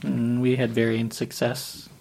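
A man who homebrews, chiming in with quick remarks in a casual podcast chat. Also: medium pitch, completely flat delivery, gravelly, a little mellow, poor audio.

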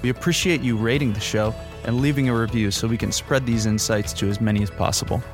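A man's voice: medium pitch, steady tone, fast talker, music in the background. A man delivering scripted financial commentary as a podcast host.

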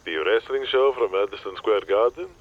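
A man's voice: on the low side, expressive, fairly quick, lo-fi sound, natural voice. A man voicing a weary older male Hollywood agent, dry and exasperated. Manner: dry, exasperated, Yiddish-flavored.

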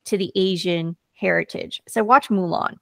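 Earnest American woman, low-pitched, dry room. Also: moderate pace, creaky, no echo. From United States. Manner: earnest, storytelling, often checks in with "right?". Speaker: podcast guest. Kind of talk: casual interview talk.

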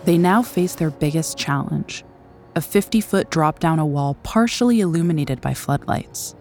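Female documentary narrator, low register, measured dramatic read, faint score underneath. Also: expressive, a little mellow, faint music behind. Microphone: studio voice-over.

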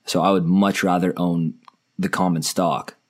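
Very low-voiced man co-hosting a podcast. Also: flat delivery. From Canada. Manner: upbeat, joking, quick asides. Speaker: podcast co-host. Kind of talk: casual podcast chat.

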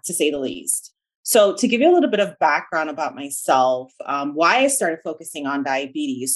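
A woman with a slight Jamaican accent, chatting informally as an interview guest and telling her own story with plenty of "like" and "you know". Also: on the low side. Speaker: guest, dietitian and diabetes educator. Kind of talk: conversational interview answers, personal storytelling.

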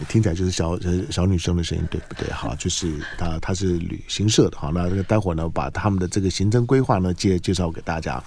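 A man's voice: sits low, quick pace, few pauses, a little mellow, slight background noise. A man with a Taiwanese Mandarin accent hosting a casual morning radio show, often repeating and restarting his phrases. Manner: repeats and restarts phrases, punctuates with filler particles. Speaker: radio host.

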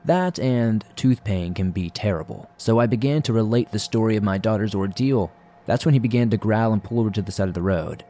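Lowish mellow male story narrator. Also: a little fast. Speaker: podcast narrator. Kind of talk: scripted horror story narration.

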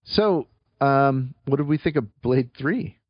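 A man chats easily about a film with friends, with a dry sense of humor. His voice sits at a middle pitch. The sound is dry, with no room echo, and a little dull and lo-fi. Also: expressive, slow pace, breathy edge. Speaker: podcast co-host. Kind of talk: casual movie-review chat.

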